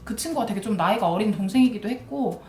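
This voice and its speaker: A woman beauty vlogger casually telling a story while doing her makeup, blunt and animated, swearing and acting out the scenes. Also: mid-range voice, fast, reverberant, noisy background.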